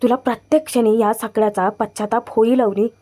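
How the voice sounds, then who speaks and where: A woman's voice: a little high, steady tone, brisk, mellow, lightly acted. Woman reading as a gloating, mocking young rival. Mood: taunting. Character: arrogant taunting young man, rival suitor.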